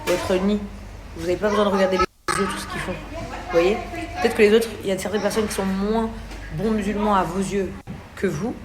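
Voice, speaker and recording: A woman's voice: mid-range voice, normal speed. Indignant woman, phone selfie video, lots of noise behind. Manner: rambling, frequent hesitations, indignant. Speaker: social media personality. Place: doctor's office. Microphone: phone camera. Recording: loud background noise.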